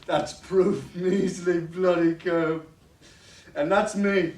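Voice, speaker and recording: An actor plays a drunken old father who wheedles, stammers and turns spiteful, dragging his words out slowly. His voice sits a little high for a man. The stage is echoey and heard from a distance. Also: fairly even intonation, a little mellow. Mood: bitter. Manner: rambling, stammering, repetitive pleading. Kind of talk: stage play acting. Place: college theater stage. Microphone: distant room microphone. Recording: echoey stage recorded from far off.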